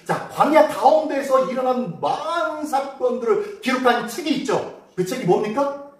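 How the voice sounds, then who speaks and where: A male pastor preaching a Sunday sermon, telling the story in a lively way and asking the congregation questions. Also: very high-pitched, moderate pace, recorded from a distance. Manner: animated storytelling, acts out quotes and asks the congregation questions. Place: church sanctuary. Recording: very echoey hall, voice from afar.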